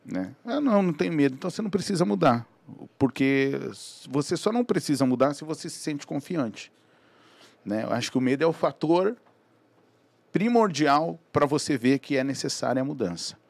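Male guest, expressive storyteller, wide-ranging pitch. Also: fairly quick, vocal fry, dry recording. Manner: animated, acts out quoted dialogue. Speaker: podcast guest. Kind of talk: casual storytelling chat.

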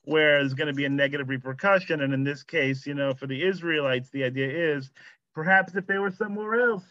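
A rabbi in his thirties leads a Torah study in an easy, meandering way, circling back with plenty of "you know." His voice is high-set and bright. It is recorded close and dry, with slightly dull, lo-fi sound. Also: a little fast, no room sound. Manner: conversational, lots of "you know" and restarts. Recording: slightly muffled lo-fi audio.

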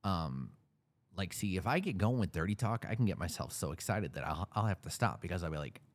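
A man with a very low, deep voice hosts a candid interview. He teases his guest and slips into playful mock quotes of other people. His questions come in a joking, relaxed way. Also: fairly quick. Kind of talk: frank casual interview.

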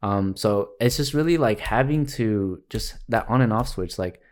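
A young man in casual conversation, telling stories animatedly, acting out quotes loudly and swearing freely. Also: on the low side, expressive, moderate pace. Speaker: guest, video editor. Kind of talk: casual podcast chat.

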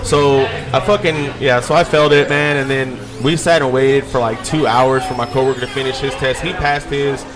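A man's voice: mid-range voice, steady tone, normal speed, hardly any pauses, music in the background. A man hosting a casual podcast chat, talking in loose slang with plenty of swearing. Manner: slangy, sweary, says "bro" and "man" often. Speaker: podcast host.

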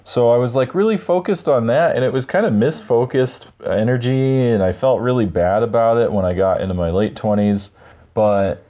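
A man in his thirties co-hosting a podcast, chatting casually in a laid-back, rambling way with many pauses. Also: mid-range voice, mellow. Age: 30s. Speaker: podcast co-host. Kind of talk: casual chat.

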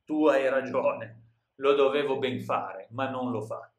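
A man's voice: medium pitch, measured pace, reverberant, close to an everyday voice. A man reading a stern, angry noble lord. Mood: stern, mocking. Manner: read aloud in old literary Italian, commanding.

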